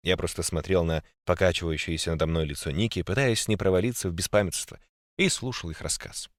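Low-voiced man narrating a story. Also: brisk, dry recording, clean studio sound. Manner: expressive, voices all characters. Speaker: audiobook narrator. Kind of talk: first-person fiction narration.

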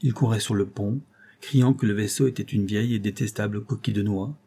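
A man reading a classic novel aloud as narrator, in a measured storytelling delivery. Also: lowish voice, steady tone, mellow, breathy edge. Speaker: audiobook reader.

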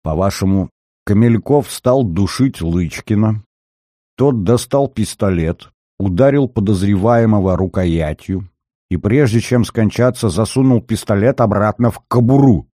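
A man's voice: fairly low pitch, unhurried, warm tone, dry recording, clean studio sound. A man voicing a stern male investigator who questions and rebukes in a clipped, commanding way.

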